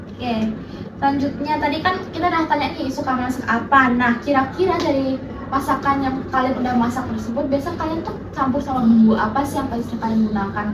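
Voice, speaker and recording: A woman acting as assistant moderator of a student focus group, asking questions in a bright, encouraging way. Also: high voice, a little fast. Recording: echoey room, far from mic, background noise.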